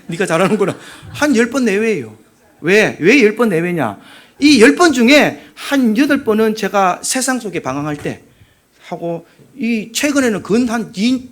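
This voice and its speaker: High, lively Gyeongsang pastor preaching. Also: male voice. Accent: Gyeongsang Korean. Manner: lively preaching, asking the congregation questions, humorous personal stories. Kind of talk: sermon.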